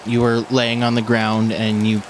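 A man's voice: fairly low pitch, completely flat delivery, normal speed. A man narrating a tabletop game as game master. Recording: clear rain noise behind.

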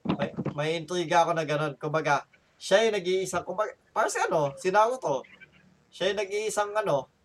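A man's voice: high-pitched, expressive, fairly quick. A man with a Filipino accent hosting a casual podcast chat, often restarting words while he searches for a term. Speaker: podcast host.

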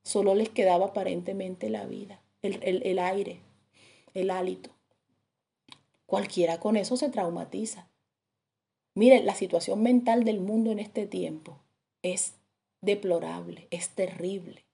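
A woman preaching a sermon in an earnest way, dropping her voice low for grave points. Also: steady tone, measured pace, creaky, long pauses, mellow.

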